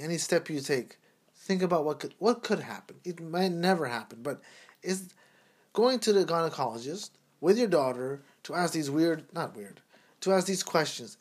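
A man's voice: on the high side, animated, moderate pace, slightly rough. Earnest preachy man in his thirties. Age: 30s. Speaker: podcast co-host. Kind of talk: casual opinion talk.

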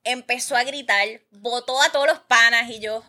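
A woman tells an animated, profane story in casual chat and acts out the quotes. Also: fairly high pitch, moderate pace, heavy background noise.

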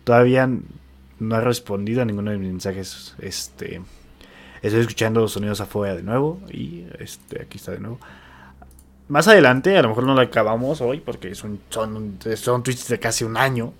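A man with a Mexican accent reads posts aloud to a friend in a casual chat, tossing in slangy asides and restarting as he goes. His voice sits at medium pitch and moves at a normal speed, and his manner is relaxed.

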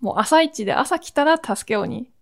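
A woman's voice: high voice, lively intonation. Chatty woman host telling stories. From Akita, Japan. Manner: chatty, drawn-out storytelling with laughs and asides. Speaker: podcast host. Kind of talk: casual solo storytelling.

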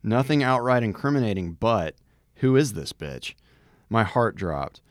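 A man co-hosting a podcast, reading a listener's story aloud with a wry tone and dramatic pauses before each section title. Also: fairly low pitch, big pitch swings, no echo, clean studio sound. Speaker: podcast co-host.

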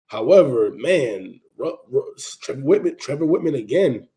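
Mellow-voiced man hosting a sports panel. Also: mid-range voice, very animated, a little hiss or hum. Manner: halting, repeats and restarts phrases. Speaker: panel host. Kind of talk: casual sports panel discussion of MMA.

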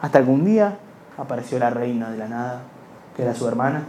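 A man's voice: mid-range voice, expressive, fast talker, mellow, slight background noise. A young man with a Rioplatense accent telling a long stand-up comedy story in a rambling, self-mocking way. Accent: Rioplatense Spanish. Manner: rambling, self-mocking, slips into quoted voices.

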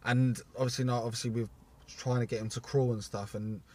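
A young man, a podcast co-host and new father, talks in easygoing casual chat, halting and filling his pauses with ums. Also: medium pitch, flat delivery, a little mellow, far from the mic. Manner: easygoing, halting, many fillers.

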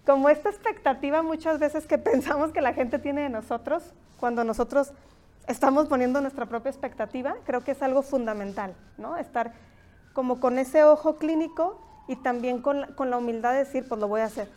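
Brisk and a little mellow, this high-pitched woman with a Mexican accent hosts a podcast interview in a conversational style. She reflects as she goes, thinking out loud and frequently closing a point with a questioning tag.

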